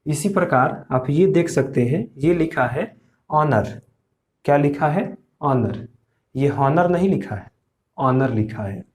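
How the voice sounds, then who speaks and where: A male teacher explains slowly and patiently, going over each point again and again. He keeps asking his students questions, and his voice sits a little high for a man. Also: lively intonation, a little mellow. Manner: slow, repetitive explaining with quiz questions to students. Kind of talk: classroom lesson.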